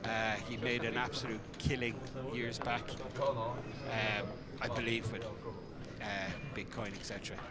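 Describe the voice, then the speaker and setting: A man's voice: mid-range voice, level tone, measured pace. A man with an Irish accent giving casual, chatty live poker commentary, with colloquial turns and hesitant asides. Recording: live, loud crowd chatter behind.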